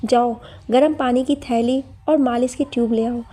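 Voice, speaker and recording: A bossy, sarcastic young woman, put on by a woman narrator scolds and mocks in a high voice. The tone stays mellow even while the words cut. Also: normal speed, natural voice. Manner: scolding, mocking.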